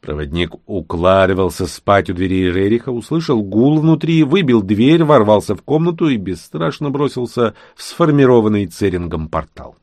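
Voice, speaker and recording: Низкий живой мужской голос рассказчика. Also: male voice, on the low side, normal speed, few pauses, no room sound, studio quality. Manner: lively storytelling, voices all characters. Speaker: audiobook narrator. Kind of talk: scripted narration.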